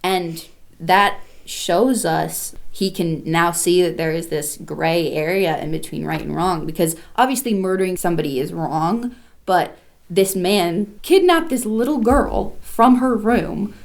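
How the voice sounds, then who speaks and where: Lower-pitched woman gushing about a film. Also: a little slow, creaky. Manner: enthusiastic, rambling with fillers. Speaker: podcast co-host. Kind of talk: casual film-review chat.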